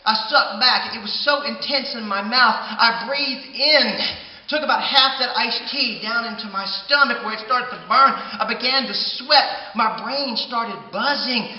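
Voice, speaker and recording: A man telling a comic tall tale on stage, with punchy delivery and loud outbursts. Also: very high-pitched, unhurried. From southeastern United States. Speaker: professional storyteller. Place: stage at a live storytelling contest. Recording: distant, dull, noisy hall recording.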